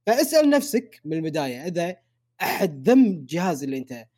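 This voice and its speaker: Quick podcast co-host, man. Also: a little high, very animated, a little mellow. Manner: poses questions, teasing. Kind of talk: casual podcast chat.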